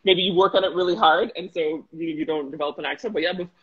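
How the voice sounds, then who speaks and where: A Russian-speaking woman in her thirties, born in the former Soviet Union and raised in Chicago, is a marketing entrepreneur guesting on a casual interview over a laptop webcam video call. She talks fast and animatedly, full of fillers and restarts, in a lowish, husky, fairly bright voice with fairly even intonation. She is in a small room with a glass wall, and the sound is lo-fi.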